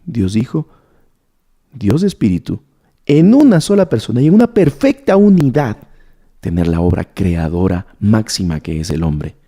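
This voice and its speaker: This man's voice is on the low side, mellow with a breathy edge, very animated yet at normal speed. He preaches and teaches the Bible to a gathered audience sermon-style, posing question after question and repeating key words to drive points home.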